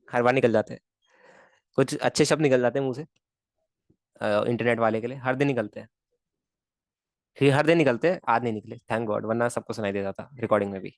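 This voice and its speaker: A man's voice: medium pitch, fairly quick, long pauses, dry recording, studio quality. A man teaching a live online physics class, chatting to his students and muttering to himself while he draws.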